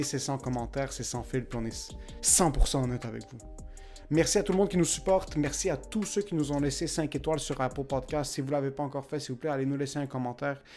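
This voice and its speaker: Fast-talking podcast host. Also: male voice, medium pitch, a little mellow. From Quebec, of Lebanese parents. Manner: fast and candid, swears freely, mixes in English words. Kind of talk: casual podcast chat.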